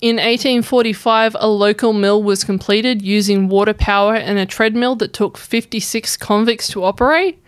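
A woman's voice: mid-range voice, steady tone, smooth, no room sound, studio quality. A young Australian woman co-hosting a podcast, bluntly walking through historical facts in a casual way. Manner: brisk, blunt, leads the facts. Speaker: podcast co-host.

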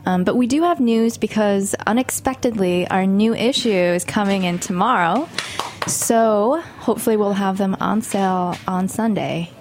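A woman's voice: mid-range voice, normal speed, few pauses. Woman, radio host, upbeat, faint background hiss. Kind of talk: casual radio interview.

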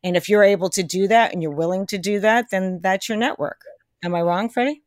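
A woman's voice: medium pitch, brisk, dry recording. A woman hosting a podcast interview, chatty and encouraging, who talks straight to her listeners. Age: older than her guest. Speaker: podcast host. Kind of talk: casual interview chat.

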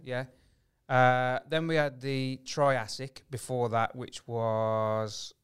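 A man in a casual podcast chat, reminiscing and reading facts aloud haltingly. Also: mid-range voice, flat delivery, clear, resonant tone.

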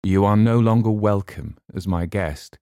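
A man's voice: lowish voice, expressive, brisk, warm tone, no room sound, studio quality, pitched above the performer's own voice, lightly acted. A man voicing a young man who speaks in a somber, formal way.

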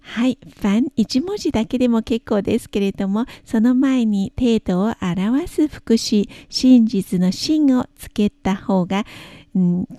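Slow, mellow woman teaching a language. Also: mid-range voice, no room sound, clean studio sound. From Taiwan. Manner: slow, careful explanations with drawn-out example phrases. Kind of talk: radio language lesson.

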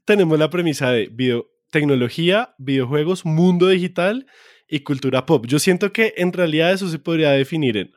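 A young man from Colombia with a Bogotá accent, co-hosting a podcast in relaxed, self-mocking casual chat. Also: a little high, fairly quick, no room sound, clean studio sound. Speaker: podcast co-host.

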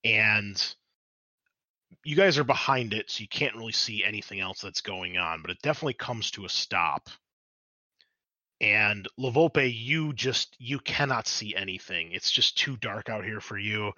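A man's voice: lowish voice, lively intonation, unhurried, sharp tone, no room sound, dull audio. A man narrating scenes as game master in a descriptive, rambling way. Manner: descriptive, with frequent fillers and restarts.

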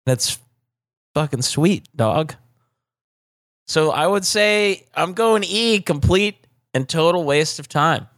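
A man's voice: fairly high pitch, expressive, slow, fairly bright tone, no echo, clean studio sound. A man co-hosting a casual podcast, giving blunt, profane hot takes with plenty of swearing. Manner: blunt, profane trash talk. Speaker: podcast co-host. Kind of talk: casual chat.

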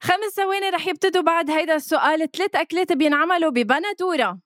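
A woman's voice: extremely high pitch, rapid-fire, a bit bright, dry recording, studio quality. A woman with a Lebanese Arabic accent in casual, playful chat, dropping English words into her talk.

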